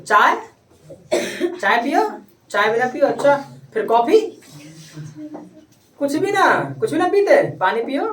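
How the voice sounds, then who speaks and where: In an echoey classroom picked up by a distant mic with faint background noise, a man with a very high, somewhat bright voice leads an English lesson. He keeps repeating his questions and coaxing the pupils to answer.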